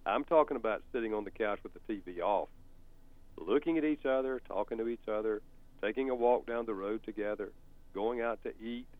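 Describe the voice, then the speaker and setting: Speaking a little fast in a lowish voice, the older North Carolina man tells things folksy-style with his Southern US accent as an author and counselor on a talk show. The recording is dry and sounds tinny, like a phone line.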